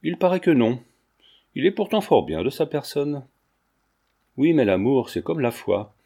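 A man voicing a sly, teasing young gentleman in a mocking tone, reading a French novel as an audiobook. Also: mid-range voice, very animated, a little slow, vocal fry, slightly rough, exaggerated voice.

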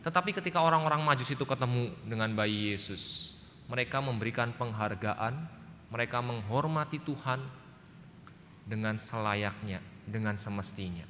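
Bright-voiced male preacher in a reverberant church. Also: medium pitch, moderate pace, slight background noise. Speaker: pastor. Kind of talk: sermon. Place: church sanctuary. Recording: church recording with long reverb.

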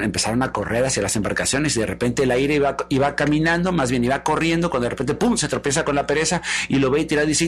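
A man hosting a radio show, telling a fable in a lively, playful way. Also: medium pitch, husky. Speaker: radio host.

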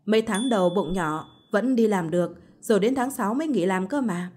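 A woman's voice: medium pitch, expressive, brisk, a little mellow, a little hiss or hum, close to an everyday voice. A gossiping older village woman rattles on at the market, voiced by a woman narrator. She talks chattily and insists she knows the truth. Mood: gossipy.

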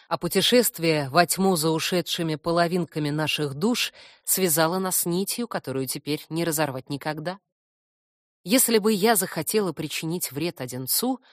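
Woman reader, low voice, dry close recording, steady first-person audiobook narration. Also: dry recording.

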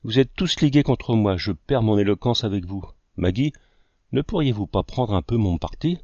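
A man voicing a talkative young male artist who protests and argues at the dinner table, read in a low voice. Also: lively intonation, moderate pace, warm tone, no echo, muffled recording. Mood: protesting.

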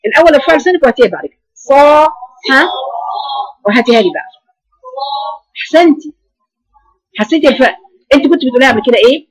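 An Egyptian-accented woman leads a recitation class in a high voice. She repeats each sound to show it and corrects her students directly. Her teaching is firm and hands-on. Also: animated, fast talker, pauses often, low-quality recording. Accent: Egyptian Arabic. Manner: demonstrates sounds by repeating them, corrects firmly.

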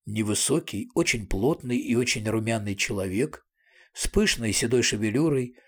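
A man reading a science-fiction story aloud in measured, expressive narration. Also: mid-range voice, slightly rough. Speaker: audiobook narrator. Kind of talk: scripted narration.

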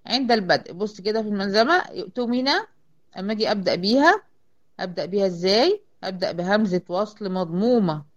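A woman with an Egyptian accent teaching Quran recitation, explaining step by step, asking questions and answering them herself, slowing right down to sound out words. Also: medium pitch. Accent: Egyptian Arabic. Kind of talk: online tajweed lesson. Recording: dull lo-fi audio.

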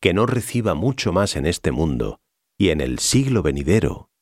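A man voicing Jesus as a calm, solemn teacher, measured in delivery, in an audiobook reading. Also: deep voice, no room sound, clean studio sound.

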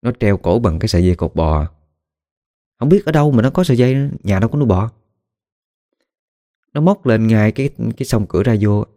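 A man tells a ghost story in a casual, colloquial way. His voice is very low and mellow, and he breaks into dramatic exclamations as he speaks. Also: animated, brisk, long pauses. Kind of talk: spoken ghost story narration.

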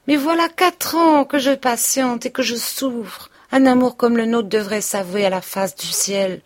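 A woman's voice: a little high, unhurried, voice pushed up, natural voice. A woman voicing a passionate young wife who pleads with urgent, breathless feeling in a storybook reading. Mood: desperate.

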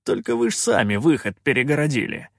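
A man's voice: mid-range voice, very animated, fairly quick, creaky, fairly bright tone, dry recording, studio quality, full character voice. A man voicing a cocky, sarcastic male pirate captain who snaps back with irritated scorn. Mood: scornful. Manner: scornful, irritated, coolly offhand.

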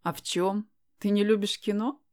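Brash cocky young guy, woman reading him, teasy and pushy, mid-pitch. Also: fairly even intonation, normal speed, darkish tone, close to an everyday voice. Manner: teasing, pushy, insistent. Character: young man, brash and self-assured suitor.

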